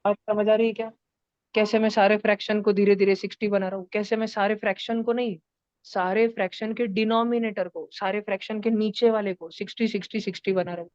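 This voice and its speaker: A woman's voice: mid-range voice, steady tone, brisk, a little mellow, dry recording, dull audio. A woman teaching a math lesson to children in an online class, turning numbers into story characters and acting out their lines. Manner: playful, acts out number characters in voices.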